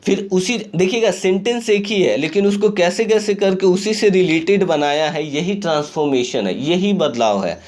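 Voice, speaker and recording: A man's voice: high voice, expressive, a little mellow. Encouraging male grammar teacher. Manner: reads English examples slowly and demonstrates question-tag intonation; encouraging, repeats "ठीक है" often. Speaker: school English teacher. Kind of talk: recorded online grammar lesson. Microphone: phone screen recording.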